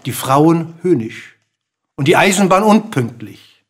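A man voicing a small grey bird in a storybook reading, with a hoarse, hissing, bossy manner. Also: fairly high pitch, very animated, a little slow, voice pushed up, exaggerated voice. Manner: insistent, lecturing, bossy.

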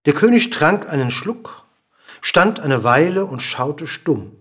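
A man reading a literary tale aloud at an unhurried pace. His voice sits slightly high for a man and moves a great deal in pitch. The delivery is measured and expressive. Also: husky. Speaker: reader.

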